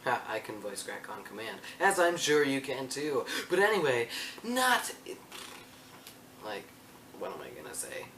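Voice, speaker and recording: A young man chatting in a casual solo vlog, playful and prone to wandering off topic. His voice is mid-pitched and sits a little back from the mic. The room adds a roomy echo and a faint hum of ambience. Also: wildly swooping pitch, measured pace, bright, forceful tone, distant mic. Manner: rambling, self-interrupting, playful. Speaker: vlogger. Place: room at home.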